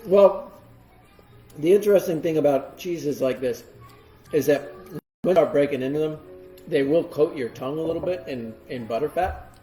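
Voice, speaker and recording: Mellow-voiced man in an echoey room. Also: fairly high pitch, moderate pace, pauses often, faint music behind. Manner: relaxed, explanatory, hesitant ums. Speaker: cheese shop host. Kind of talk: live-streamed tasting lesson.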